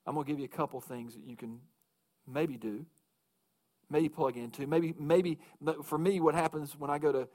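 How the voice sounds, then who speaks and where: A man's voice: fairly high pitch, steady tone, normal speed, darkish tone. A male pastor preaching a sermon, moving from earnest storytelling to fervent exhortation.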